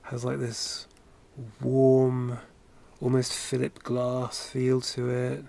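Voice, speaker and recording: A man's voice: medium pitch, monotone, slow, gravelly, a little mellow. A British man chatting casually while he draws on a live stream, musing aloud with lots of filler words. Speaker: animation streamer.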